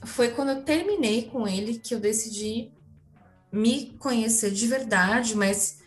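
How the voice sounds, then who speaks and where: A woman's voice: a little high, measured pace, faint music behind. Candid young Brazilian woman telling her story. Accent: Brazilian Portuguese. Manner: candid, chatty, full of fillers and asides to the listeners. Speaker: interview guest. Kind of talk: casual personal storytelling.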